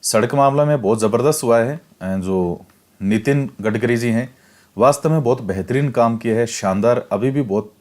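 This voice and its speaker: A man's voice: mid-range voice, normal speed, darkish tone. A male teacher giving a classroom lecture, reading from a textbook and explaining it step by step, repeating key facts.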